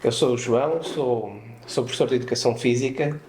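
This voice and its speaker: Portuguese man explaining calmly. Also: medium pitch. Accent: European Portuguese. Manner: calm, measured explaining. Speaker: guest. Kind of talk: casual interview. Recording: roomy echo, faint noise.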